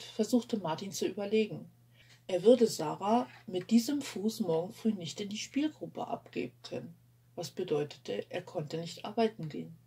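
Warm, husky woman reading a novel. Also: lowish voice. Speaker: audiobook reader.

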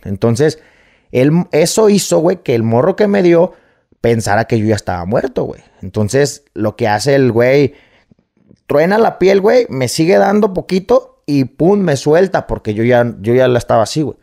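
A man's voice: mid-range voice, big pitch swings, normal speed, creaky, dark tone. A man with a Mexican accent, a guest telling a personal story casually, swearing freely and peppering every phrase with slang.

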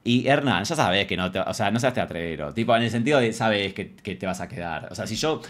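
A man's voice: on the low side, animated, fairly quick, fairly bright tone. A man with an Argentine accent giving casual, gossipy reaction commentary on a reality show, sassy and often trailing off into mutters. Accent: Argentine Spanish.

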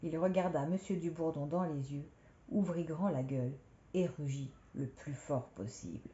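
A woman reads a children's story aloud to young children with expressive delivery. Her voice is mellow and middle in pitch. The recording is roomy and somewhat lo-fi. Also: normal speed. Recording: roomy, dull lo-fi.

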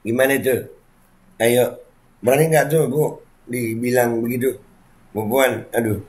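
A man's voice: mid-range voice, fairly even intonation, unhurried. A man chatting casually as he reads viewer comments aloud and reacts to them with frequent exclamations.

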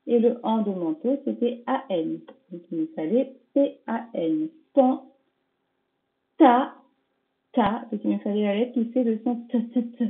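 A woman's voice: mid-range voice, expressive, moderate pace, hardly any pauses. A woman primary school teacher correcting a dictation for young pupils, patiently sounding out each word syllable by syllable and checking in with them. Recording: tinny phone-like audio.

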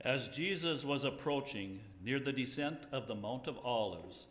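A man giving a measured, solemn scripture reading in a church sanctuary. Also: mid-range voice, expressive, a bit bright. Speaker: scripture reader. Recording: echoey church hall.

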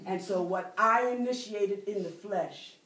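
This middle-aged woman, medium in pitch, teaches a Bible study like a preacher, stretching key words and inviting the room's responses amid crowd noise. The sound is echoey, recorded from a distance by a camera with no mic in a church library room lined with bookshelves.

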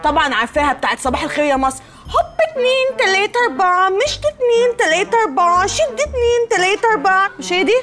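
A brash, mocking young woman with an Egyptian accent. Her high voice swoops around lively as she fires off her words very fast. She comes from a comedy series. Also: loud music behind the voice. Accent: Egyptian Arabic. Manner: mocking and loud-mouthed. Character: brash, sharp-tongued poor young woman.

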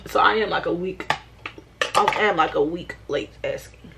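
A woman's voice: lowish voice, normal speed, creaky, heavy background noise. A young woman vlogging to the camera while she does her makeup. She talks bluntly in slang, swears freely and laughs between lines. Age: young adult. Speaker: college vlogger. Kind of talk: casual vlog talk to camera. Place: indoors at home, doing makeup.

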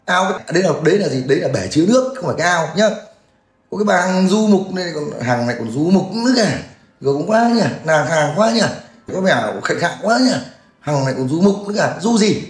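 A man's voice: high voice, expressive, quick pace. A man, ranting crudely and mockingly in a livestream. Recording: echoey room with faint music.

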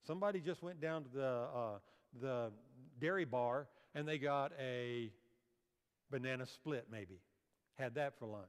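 With long hall reverb in the background, an older man delivers a health seminar lecture on a church auditorium stage. He explains slides and questions the audience in a voice that sits on the high side, clear and resonant.

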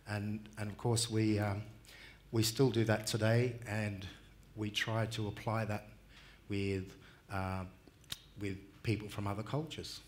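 A middle-aged Australian man speaking at a conference in a large indoor hall, unhurried and plain-spoken with many fillers, on a headset mic. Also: lowish voice. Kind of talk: relaxed conference talk.

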